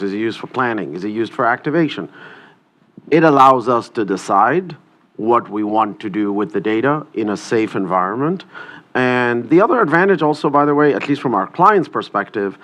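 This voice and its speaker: A man with a mid-range voice speaks on a conference panel. He explains each point in a steady, plain tone. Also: medium pitch. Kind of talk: panel discussion.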